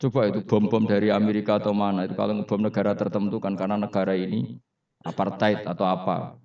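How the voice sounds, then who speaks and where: A man's voice: fairly low pitch, flat delivery, fast, a little mellow. A man with a Javanese accent preaching a Quran study sermon, telling stories and putting questions to the audience. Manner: storytelling with questions to the audience and laughter. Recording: roomy, distant, dull hall recording.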